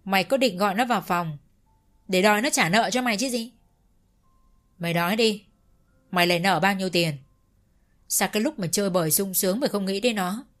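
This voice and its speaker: A woman voicing a harsh elderly father who shouts and curses at his grown son. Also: medium pitch, natural voice. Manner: shouting, cursing. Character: harsh elderly father-in-law, furious, scolding.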